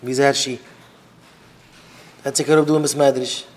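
A man, a rabbi, giving an informal sermon to students, repeating phrases for emphasis and swinging between loud bursts and quiet asides. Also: mid-range voice, steady tone, normal speed, a little hiss or hum.

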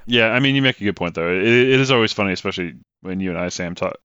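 A man's voice: sits low, racing, fairly bright tone, clear, resonant tone, dry recording. A man co-hosting a podcast, chatting reflectively and letting his sentences trail off, on a slightly dull lo-fi mic. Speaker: podcast co-host. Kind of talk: casual chat.

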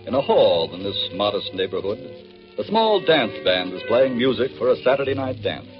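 A man narrating solemnly from a script in 1940s radio style, with measured emphasis, on an old broadcast disc. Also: on the low side, very animated, muffled recording, over music. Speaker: narrator of a radio crime drama.

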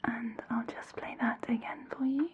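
A woman whispering slow, reassuring instructions in an ASMR hearing-test roleplay. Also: on the high side, fairly even intonation, dull audio.

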